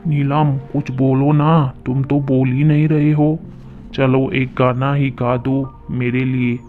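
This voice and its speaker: A man's voice: medium pitch, level tone, slow, natural voice. A man doing an irritable young groom. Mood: irritated. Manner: complaining, impatient. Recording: tinny phone-like audio with soft music.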